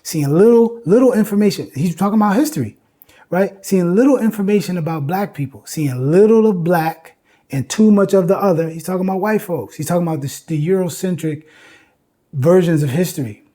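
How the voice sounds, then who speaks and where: High-pitched, brisk, and mellow, this American video essay host in his 50s delivers casual educational commentary, hammering points home emphatically through repetition.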